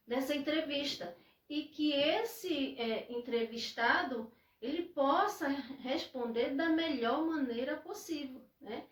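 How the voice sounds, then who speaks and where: A woman's voice: high-pitched, distant mic. A Brazilian woman teacher explaining a lesson to her students, repeating her points and often checking in with "né?". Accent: Brazilian Portuguese. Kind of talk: classroom lesson. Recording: echoey room, voice off-mic.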